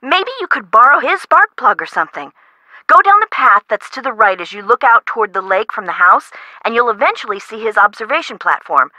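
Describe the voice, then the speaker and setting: For game dialogue, a voice actress performs an easily rattled, dramatic woman homeowner, scared yet chatty and friendly as she explains things. Her high, very bright voice comes fairly quickly in a heavily acted, emotive, colloquial style, on a dry, low-quality recording.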